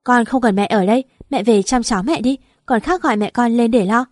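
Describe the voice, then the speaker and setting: Woman doing a shrill, sharp-tongued young wife. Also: fast, no room sound, clean studio sound, close to an everyday voice. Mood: distraught. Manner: shouting, rude.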